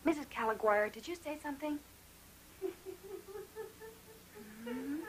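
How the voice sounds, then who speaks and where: A woman's voice: high voice, quick pace, noisy background, lightly acted. A woman playing a sardonic, defiant patient. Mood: heated. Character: bitter, witty woman in psychiatric ward. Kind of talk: 1970s TV movie acting. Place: hospital ward room.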